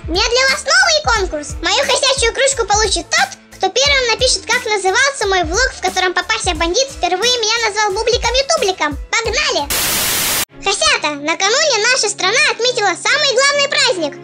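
A performer voicing a cocky, playful young husky puppy as a cartoon dog narrating a vlog, in a pitched-up voice. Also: expressive, a little fast. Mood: chirpy, excited. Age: puppy under a year. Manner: cartoon dog voice, boastful, cutesy slang. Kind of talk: scripted vlog narration in character. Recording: music playing behind the voice.

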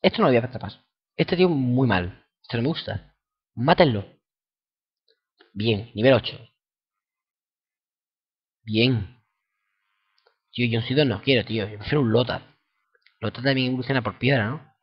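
A young man with a Spanish accent from Spain giving casual let's-play commentary, excitable and foul-mouthed, bursting into shouts. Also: medium pitch, moderate pace, long pauses, slightly rough. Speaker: gameplay commentator. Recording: lo-fi dull home recording.

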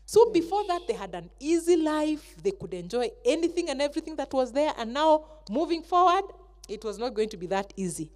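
Sunday school lady telling a bible story to kids, lively sing-song voice going up and down. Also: high voice, fairly quick. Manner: animated, acts out the characters. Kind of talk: storytelling Bible lesson to children.

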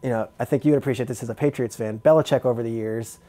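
A man with a New Jersey accent, a sports reporter talking football as a podcast guest in a chatty, quick insider way full of fillers. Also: medium pitch, steady tone, dark tone. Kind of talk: casual podcast chat.

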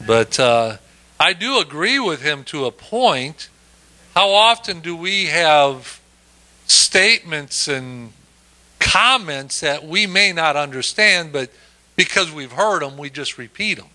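Slow, folksy male church teacher. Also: fairly high pitch, animated, pushed and bright. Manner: folksy, frequent amens, easygoing asides. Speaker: lay preacher leading Bible study.

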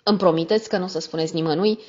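A woman's voice: fairly low pitch, darkish tone, muffled recording, natural voice. A woman reading a timid young secretary. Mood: anxious.

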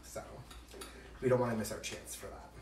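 A man with a fairly low, expressive voice and a darkish tone talks briskly while hosting a casual live cooking demo in his home kitchen, chatting and joking with campy asides. The camera sits a few steps away, so the sound is echoey and distant, with dish clatter filling the noisy room.

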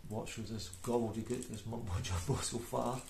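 A gravelly, slightly mellow male voice at medium pitch, steady in tone and moderate in pace, belongs to a man in his forties with a broad Scottish accent. He's a beginner painter recording a video diary at a table indoors, chatting casually in a rambling, hesitant, self-deprecating way. The off-camera microphone catches a roomy echo, background noise and clicks.

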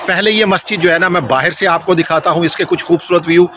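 A man's voice: sits high, fairly even intonation, fast, bright, forceful tone, a little hiss or hum. Man vlogging a mosque tour on a phone. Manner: enthusiastic, devotional phrases. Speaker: travel vlogger. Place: car at night, then outside a mosque. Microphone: phone camera at arm's length.

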